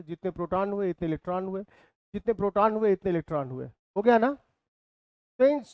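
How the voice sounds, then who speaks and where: A man's voice: high-pitched, no room sound, lo-fi sound. A man teaching a physics class in speech, repeating key terms and asking his students questions. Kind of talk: classroom lecture.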